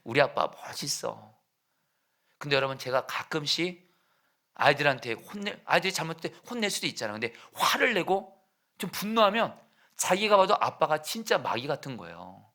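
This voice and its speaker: Man, pastor preaching, middle-aged, higher voice, bright and forceful, questions the congregation. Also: big pitch swings, brisk. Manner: swings from loud exhortation to hushed whispers. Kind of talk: sermon.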